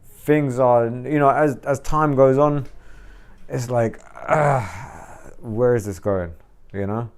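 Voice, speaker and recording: A man looking back on his band days in casual chat, musing and halting, often saying "man" and "you know". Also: medium pitch, a little mellow, smooth. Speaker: former band member.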